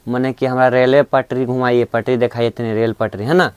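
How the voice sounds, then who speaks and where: This lecturer speaks at a medium pitch, fairly quickly and in a level tone. He's leading a reasoning lesson for students in the room and online viewers, gently urging them on with repeated "है ना" and "ठीक है" check-ins.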